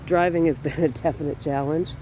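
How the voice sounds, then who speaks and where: An artist vlogger from Minnesota, stuffy from a cold, talks casually while strolling through a cemetery on a fall day. His slightly high, congested voice is a little fast, and he rambles relaxedly with restarts and small laughs, while faint traffic and outdoor noise hum behind him.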